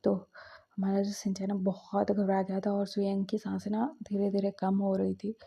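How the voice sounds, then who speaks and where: A woman's voice: mid-range voice, completely flat delivery, moderate pace, creaky, warm tone, breathy edge. A woman casually narrating a fan-fiction romance in a chatty way, full of conversational fillers. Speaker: storyteller. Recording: dull lo-fi recording.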